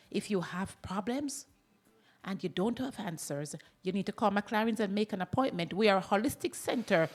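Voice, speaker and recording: Emphatic woman doctor on radio. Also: mid-range voice. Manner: emphatic, repeats words for effect, laughs often. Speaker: holistic clinic doctor on radio. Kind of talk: radio health talk and promotion. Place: radio studio.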